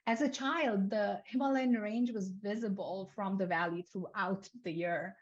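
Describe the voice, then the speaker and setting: A young Nepali woman, a climate researcher, gives an academic seminar talk in a steady, middle-pitched voice. She works through her points one by one in a measured, list-like way, with frequent "um" and "uh" fillers, and the lecture audio sounds slightly dull and lo-fi.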